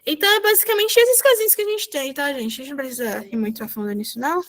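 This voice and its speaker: Woman, young adult, high voice, language teacher, video call, chatty, keeps checking in. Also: fast talker, fairly bright tone. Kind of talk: online class explanation.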